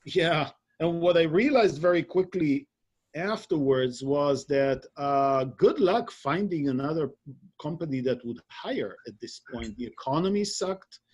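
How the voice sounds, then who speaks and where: A man's voice: on the high side, expressive, measured pace, slightly rough. A middle-aged man from Israel, telling his story with jokey asides in a casual webinar conversation. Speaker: webinar co-host.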